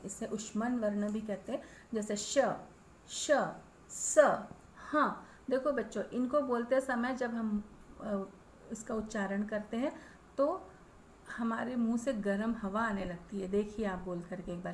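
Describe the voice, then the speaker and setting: Woman, teacher, patient classroom explaining, repeats sounds, fairly high voice, roomy echo. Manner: checks in often with "है ना". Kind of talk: classroom-style grammar lesson to children. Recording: echoey room with faint ambient noise.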